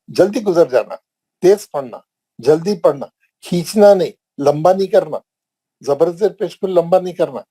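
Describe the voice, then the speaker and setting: A middle-aged man with a Hyderabadi accent teaching Quran recitation in an online lesson, slowly drawing out and repeating drill words for his students. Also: fairly high pitch, mellow, dry recording, rough recording. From India.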